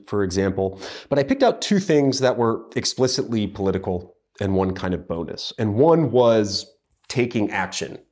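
A man with a fairly low voice co-hosts a podcast. He talks through material in a casual, analytical way, with thoughtful pauses and plenty of fillers. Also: a little mellow. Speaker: podcast co-host.

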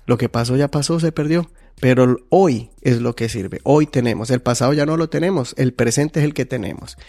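A man voicing a calm grown son who gently answers his father. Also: mid-range voice, brisk, dry recording, clean studio sound, close to an everyday voice. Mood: gentle.

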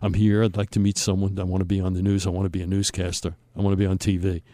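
A man's voice: low-pitched, little pitch movement, racing, mellow, no room sound. An older man with a Brooklyn accent tells a personal story in an emphatic, conversational way, acting out the dialogue. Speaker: storyteller on a talk show.

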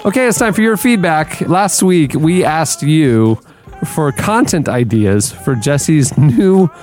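A man co-hosting a podcast in casual banter, laughing easily and tossing in quick interjections. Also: fairly high pitch, expressive, darkish tone, faint music behind. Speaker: podcast co-host.

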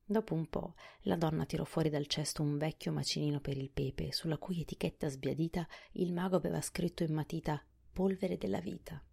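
A woman narrating a storybook in a soft, often hushed reading voice. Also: sits low, steady tone, brisk, vocal fry, breathy edge. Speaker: audiobook narrator.

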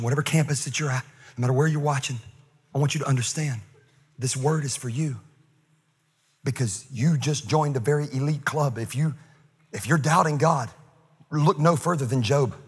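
A middle-aged man, a pastor, preaching a sermon with humor and lively asides. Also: mid-range voice, husky, in a large hall.

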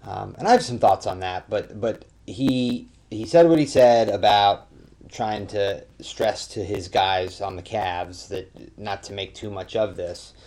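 A man speaking as a podcast guest and sports writer, chatting casually and haltingly as he thinks aloud. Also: on the low side, darkish tone.

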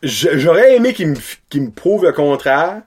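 Animated man talking hockey. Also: on the high side, normal speed, husky. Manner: lively, mixes English words into French. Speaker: podcast co-host. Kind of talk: casual hockey chat.

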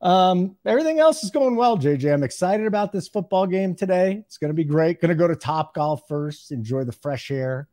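A man's voice: sits high, lively intonation, fairly quick, few pauses, mellow. A man co-hosting a betting podcast, chatting casually in a dry, teasing way. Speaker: podcast co-host. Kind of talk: casual chat.

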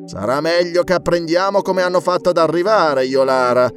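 A man voicing a fierce, threatening male dwarf lord in an audiobook, speaking loudly and harshly. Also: fairly high pitch, moderate pace, soft background music, pitched above the performer's own voice, natural voice. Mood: menacing. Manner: loud, threatening.

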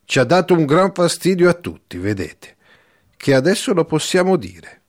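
A man's voice: a little high, big pitch swings, moderate pace, voice pushed up. A man reading the part of a timid, fretful older village priest, talking in fussy, rambling bursts. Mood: relieved. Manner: fussy, rambling, emphatic exclamations. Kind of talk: audiobook character reading.

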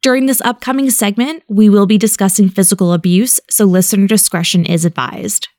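Calm woman host asking questions. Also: medium pitch, fairly quick, no room sound, studio quality. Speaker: podcast host. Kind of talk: interview questions.

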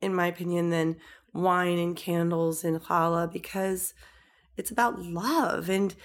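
A middle-aged woman talking casually as an interview guest, telling animated stories and acting out the voices she quotes. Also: fairly low pitch, measured pace. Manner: animated storyteller, acts out quoted voices, many "like" fillers.

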